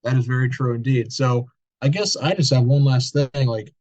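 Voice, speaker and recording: A man co-hosting a podcast, relaxed and agreeable, asking the guest questions in a casual chat. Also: medium pitch, moderate pace, dry recording. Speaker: podcast co-host. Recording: dry, slightly dull mic.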